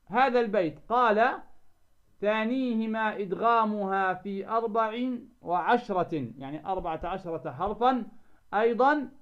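Man, Quran recitation teacher, high voice, quizzes his class, drawn-out example words, dull lo-fi sound. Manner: asks the class questions and lets them finish. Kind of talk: tajweed lesson explaining a didactic poem. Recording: dull lo-fi recording.

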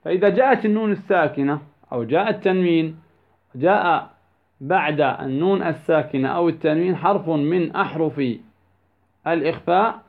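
A man teaching a tajweed lesson, asking questions and answering them, and stretching example words out slowly. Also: on the high side, vocal fry. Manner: asks prompting questions then answers them. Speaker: Quran recitation teacher. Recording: dull lo-fi recording.

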